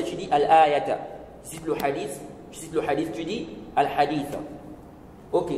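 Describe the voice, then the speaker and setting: A man giving a religious lesson, explaining slowly, repeating points and checking with his listeners. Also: fairly high pitch, a little mellow. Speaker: religious teacher. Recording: echoey hall with faint noise.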